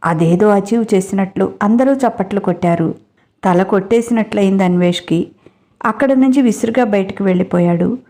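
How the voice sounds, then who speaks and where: A woman storyteller narrates a dramatic audiobook story at a steady pace. Her voice is mellow and warm, with a dark, soft tone throughout. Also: medium pitch, normal speed.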